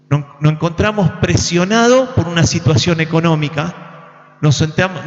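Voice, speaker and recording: A man preaching a sermon, earnestly putting questions to the congregation. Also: on the high side. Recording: echoey hall, muffled lo-fi sound.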